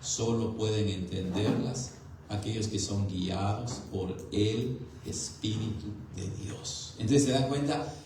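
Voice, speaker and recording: Slow, deliberate preacher in an echoey hall. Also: male voice, medium pitch, darkish tone, slight background noise. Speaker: pastor. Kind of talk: sermon teaching the catechism. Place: church sanctuary.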